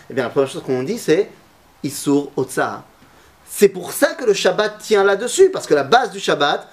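A man teaching a Torah lesson to a class, asking his students questions and mixing Hebrew terms into his talk. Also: fairly high pitch.

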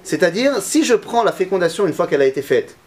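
A man's voice: high voice, very animated, fast, a little mellow. A man teaching a Torah lesson to a class, asking his students questions and mixing Hebrew terms into his talk.

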